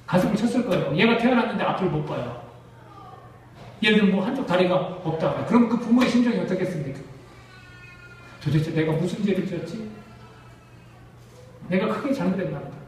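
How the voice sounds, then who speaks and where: A man's voice: high-pitched, animated, fairly quick, pauses often, slight background noise. A Korean man preaching a sermon to his congregation, emphatic and full of rhetorical questions. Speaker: pastor. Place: church sanctuary. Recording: echoey church hall, distant mic.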